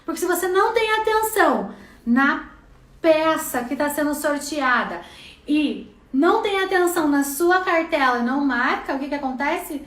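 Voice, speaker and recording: High-voiced Brazilian woman teaching casually. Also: animated, moderate pace, a bit bright. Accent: Brazilian Portuguese. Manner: chatty, frequent "né" tags. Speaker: neuropsychopedagogy teacher. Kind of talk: casual online lesson. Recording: roomy echo.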